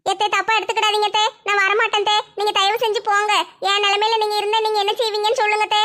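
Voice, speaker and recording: A woman's voice: very high-pitched, monotone, fast talker, pushed and bright. A woman playing an aggrieved young wife who pleads and complains in a family drama skit. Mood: refusing. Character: hurt, stubborn young wife, a daughter-in-law.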